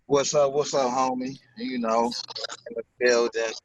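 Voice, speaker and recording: A man guesting on a comedy podcast over a video call, bantering in a relaxed, slangy way. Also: medium pitch, a little slow, muffled recording. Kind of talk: casual chat.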